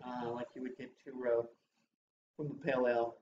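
A middle-aged man co-hosts a casual beer review, chatting and rambling with lots of fillers in a small room lined with shelves of beer bottles. His voice is warm and medium-pitched with little pitch movement, fairly quick. A distant webcam captures it, so the sound is roomy, dull and faintly hissy.

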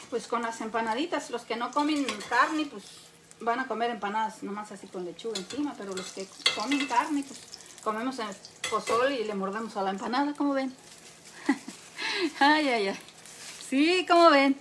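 Lively intonation and a moderate pace mark this high-sitting female voice, heard over a noisy background. A Mexican cooking livestream host, she laughs and jokes with viewers as she cooks in her home kitchen, phone held close, with faint sizzling and frying nearby.

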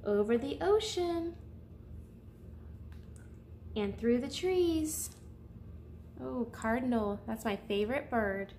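A woman with a fairly high, slightly mellow voice hosts a children's story time, narrating a picture book and speaking directly to her young listeners. Her intonation is lively, but she takes it slowly with long pauses. Faint background noise sits behind her.

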